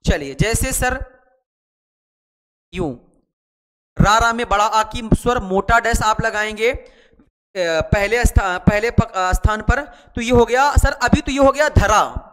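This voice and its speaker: His voice sits high with a fairly bright tone, and he speaks slowly with long pauses over a long reverb tail. The man is giving a chatty online shorthand lesson, explaining as he writes, repeating words, and posing and answering his students' questions.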